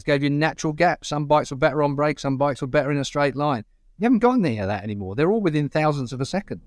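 A man's voice: mid-range voice, no echo. Give me a middle-aged Essex man, an emphatic, plain-spoken pundit, recorded dry. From Essex, England. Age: middle-aged or older. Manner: blunt, colloquial, emphatic. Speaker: motorcycle racing pundit. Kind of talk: opinionated casual panel talk.

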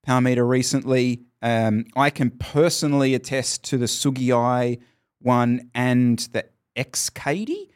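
A man's voice: medium pitch, unhurried, smooth. A man co-hosting a cycling podcast, rambling enthusiastically in casual chat. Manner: rambling, lots of "like" fillers and restarts, enthusiastic. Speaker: podcast co-host.

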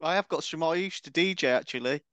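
A man's voice: a little high, quick pace, fairly bright tone, no echo. A man with an English accent chatting casually as he interviews a guest on a podcast.

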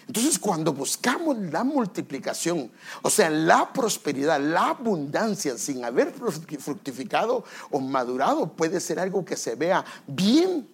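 A man's voice: on the high side, sing-song, measured pace, breathy edge. A male pastor giving a sermon, building to emphatic exhortation and acting out quoted voices.

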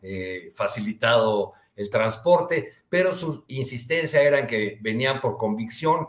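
A man with a Mexican Spanish accent, a columnist guest chatting casually and haltingly, with many restarts and fillers. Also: mid-range voice, expressive, reverberant. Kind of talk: casual chat.

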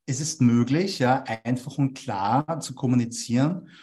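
Unhurried and warm, with a medium pitch, a young Austrian from Vienna discusses copywriting ideas as an interview guest. After making a point, he checks in with a questioning "ja?".

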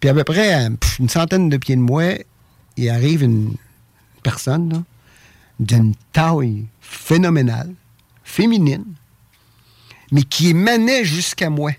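A man with a Québécois French accent tells a personal story in a casual, animated way, stumbling over and repeating his words. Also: on the high side, a little slow, long pauses, no room sound. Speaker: guest telling an experience.

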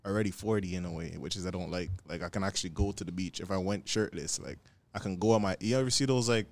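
Toronto dude, kinda low voice, slangy podcast chat, bro every other line, bit halting. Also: male voice, darkish tone. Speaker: podcast co-host.

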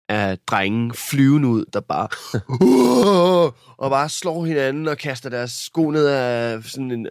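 A man's voice: medium pitch, dry recording. A man co-hosting a podcast in casual chat, answering with dry quips and short agreements. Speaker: podcast co-host.

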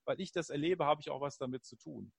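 Dry-sounding man telling lively stories. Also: on the high side, quick pace, gravelly, breathy edge, no room sound. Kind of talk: casual conversation.

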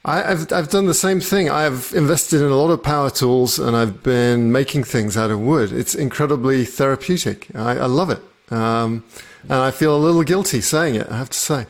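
A man's voice: mid-range voice, moderate pace. A man hosting a podcast, chatting casually with a guest, with occasional fillers. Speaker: podcast host. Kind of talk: casual interview talk.

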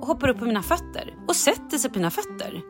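A woman's voice: on the high side, very animated, faint music behind. A woman hosting a podcast in casual chat, telling a story with animation and acting out her own lines. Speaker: podcast host.

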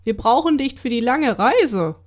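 A woman's voice: high voice, expressive, measured pace, voice pushed up. A woman voicing Josef, a caring and worried man, reading aloud for children. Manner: earnest and fretful.

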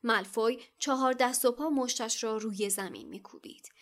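A woman, a podcast co-host, reading a novel passage aloud in a steady, even way. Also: a little high.

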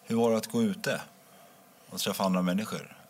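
A man interviewing, asking short, gentle questions to prompt the story. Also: lowish voice, fairly even intonation, a little hiss or hum.

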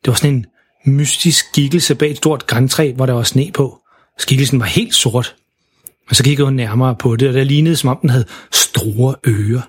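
A man's voice: medium pitch, slightly rough. A man narrating a children's story in simple, plain storytelling.

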